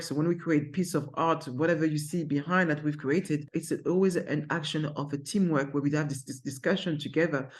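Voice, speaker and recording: A middle-aged agency founder, a native French speaker with a strong French accent, gives energetic, emphatic business advice to the camera from his office. His voice is mid-range, and he restarts his sentences often.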